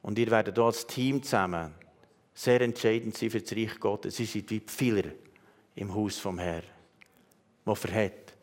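A man's voice: fairly low pitch, fairly even intonation, normal speed. Earnest Swiss German preacher man. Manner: earnest, addresses listeners directly, many hesitations. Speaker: pastor. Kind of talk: sermon with prophetic words.

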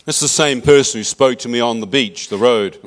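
Man, testimony speaker, measured short phrases, dramatic retelling. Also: medium pitch. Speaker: guest speaker giving testimony. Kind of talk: emotional spoken testimony, paused for interpreter.

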